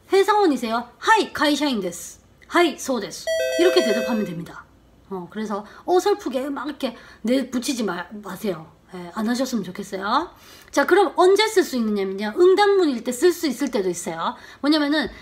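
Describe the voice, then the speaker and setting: A middle-aged woman teaching a casual language lesson in a bright, high voice that swoops up and down. She acts out little sample exchanges, slowing down and stretching the intonation so each example is easy to follow. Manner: lively, acts out short sample dialogues with slowed, exaggerated intonation.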